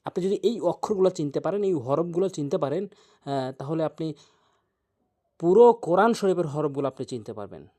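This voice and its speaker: Male Quran reading teacher, patient step-by-step instruction, repeats each letter sound slowly. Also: fairly high pitch, animated, dark tone. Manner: repeats each Arabic letter slowly several times to demonstrate. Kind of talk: tajweed pronunciation lesson.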